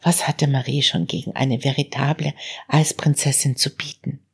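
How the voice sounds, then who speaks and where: A woman narrates an audiobook in a calm, measured manner. Her voice is low and husky, and the reading is steady throughout.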